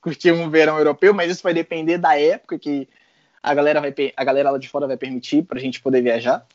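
A man's voice: fairly high pitch, quick pace, dry recording. Brazilian man telling a story, lo-fi sound. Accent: Brazilian Portuguese. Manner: animated, laughs often, mixes in colloquial slang. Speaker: interview guest. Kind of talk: casual storytelling. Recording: dull lo-fi sound.

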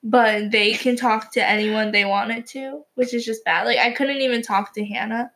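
A woman's voice: a little high, fairly even intonation, normal speed, a bit bright. A teenage girl co-hosting a podcast, telling a story in casual chat with frequent giggles and "like" fillers. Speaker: podcast co-host.

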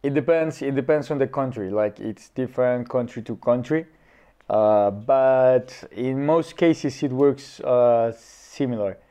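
A man of thirty from Colombia, a guest in a casual interview, talking with many pauses and fillers. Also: mid-range voice, warm tone, clean tone. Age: 30s.

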